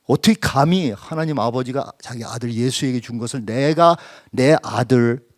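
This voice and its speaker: A man's voice: medium pitch, normal speed, no room sound, clean studio sound. A male preacher giving a sermon as a personal testimony, telling it intimately, sometimes sinking to a whisper and then rising into emphatic questions, with English phrases mixed in. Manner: mixes English phrases into speech. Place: church.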